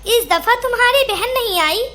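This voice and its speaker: A playful young husband from a cartoon, joking and teasing in a voice pitched very high for a man. His tone is bright and ringing. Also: expressive, normal speed, slight background noise, full character voice. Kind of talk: cartoon voice acting.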